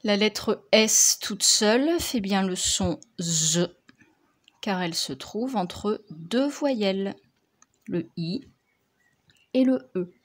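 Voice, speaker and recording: Slow, deliberate woman teacher. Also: mid-range voice, expressive. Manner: slow, deliberate, over-articulated words for young pupils. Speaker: primary school teacher. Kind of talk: slow dictation and spelling correction.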